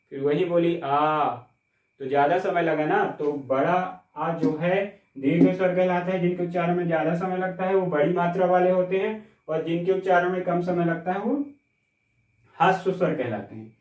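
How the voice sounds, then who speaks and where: Male Hindi teacher, classroom lecture, high voice, stretches sounds to demonstrate, echoey room. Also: a little mellow, far from the mic. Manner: explains step by step, checks understanding with questions; speaks sounds slowly and stretched when demonstrating. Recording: echoey room, mic set back.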